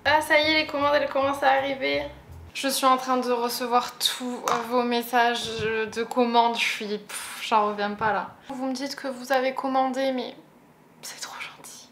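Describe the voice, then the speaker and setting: A young woman from France, vlogging on busy city streets in a chatty, excitable, slangy way on a lapel mic. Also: high voice, moderate pace, slight background noise. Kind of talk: casual travel vlog. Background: loud background music.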